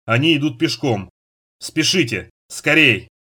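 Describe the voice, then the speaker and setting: A dying wounded man forcing out short, broken warnings in slow, loud gasps, as a male reader acts him. His voice is husky and strained, and his phrases rise and fall widely. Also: mid-range voice, animated, full character voice. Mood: desperate. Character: wounded older man, dying, gasping, urgent.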